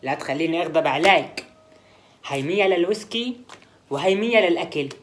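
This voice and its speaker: An actor with a Syrian accent playing a whisky-loving, quarrelsome roommate in a comedy sketch. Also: male voice, a little high, expressive, fairly quick, slight background noise, lightly acted. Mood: accusing. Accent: Syrian Arabic.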